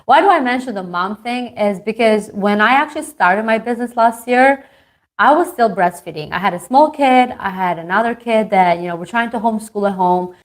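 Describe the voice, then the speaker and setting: A woman's voice: medium pitch, expressive, brisk. Direction: chatty woman in her thirties. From Albania. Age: 30s. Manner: chatty and earnest, many fillers. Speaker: marketing coach and company founder. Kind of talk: motivational talk to an online group.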